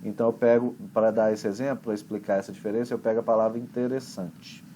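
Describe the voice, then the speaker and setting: A man with a Brazilian accent, an English teacher explaining pronunciation in a chatty, relaxed way with homely examples. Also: fairly low pitch, quick pace, a little hiss or hum. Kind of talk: conversation class explanation.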